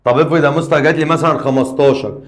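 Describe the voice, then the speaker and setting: A man's voice: a little high, steady tone, natural voice. A man voicing a cheeky teenage schoolboy who talks back, with an Egyptian Arabic accent. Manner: pushy, quick comebacks. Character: cheeky teenage boy student, mouthy. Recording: echoey room.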